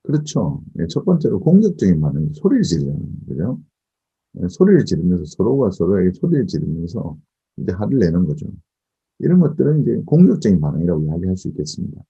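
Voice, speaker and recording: A male lecturer giving a class, asking the audience rhetorical questions and often affirming with a quick "yes". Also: low voice, warm tone, husky, dull audio. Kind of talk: recorded lecture.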